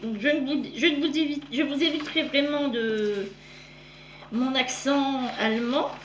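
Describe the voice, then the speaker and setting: Middle-aged woman chatting about her craft gifts, highish voice, stumbles and corrects herself a lot, roomy echo. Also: slight background noise. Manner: chatty, halting, many fillers and self-corrections. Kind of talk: casual show-and-tell.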